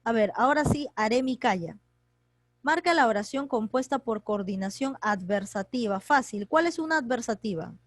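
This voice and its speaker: A woman teaching an online grammar class, talking quickly and chattily as she quizzes students by name. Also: a little high, animated, no echo. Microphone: computer mic on a video call.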